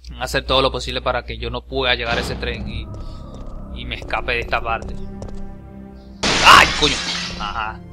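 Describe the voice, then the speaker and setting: Excitable man playing a game. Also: medium pitch, normal speed, long pauses. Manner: excitable, swears and yelps when attacked. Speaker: gameplay commentator. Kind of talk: let's play commentary. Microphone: home voice recording over game capture. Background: game music.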